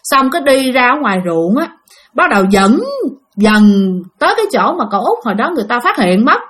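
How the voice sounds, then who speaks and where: In a chatty ghost-story telling aimed right at her listeners, a Southern Vietnamese woman speaks fairly fast. Her pitch is fairly high, her delivery very animated, and her tone a bit bright.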